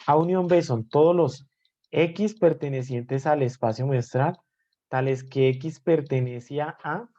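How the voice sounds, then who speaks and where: A man teaching a live online class, with a dark, mellow tone. He walks through each definition step by step and often pauses to check that his students are following. The audio is a little dull and lo-fi. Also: a little high. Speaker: math teacher.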